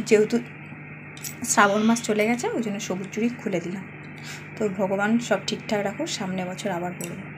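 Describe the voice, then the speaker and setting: A woman's voice: medium pitch, fairly even intonation, normal speed, long pauses, background noise. A woman in her thirties, chatting casually to her viewers as she records a home vlog. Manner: chatty, talks straight to viewers. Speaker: family vlogger.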